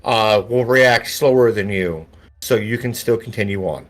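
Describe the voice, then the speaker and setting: A man's voice: fairly low pitch, moderate pace. A man running a tabletop game as game master, narrating scenes and asking players for checks. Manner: relaxed, laughs often, stumbles and restarts while describing scenes.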